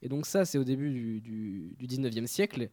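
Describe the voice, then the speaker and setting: A young man reads through his radio chronicle in a casual, halting way, peppering it with fillers and restarts. His voice sits at a middle pitch, and it is recorded close and dry with no room sound. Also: expressive, a little mellow, dry recording. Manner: hesitant, many fillers. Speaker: radio show columnist.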